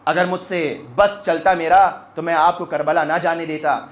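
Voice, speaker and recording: A man's voice: on the high side, steady tone, lightly acted. A man voicing an aging nobleman who humbly takes leave, recited in a mourning sermon. He gives the lines in a solemn, earnest manner.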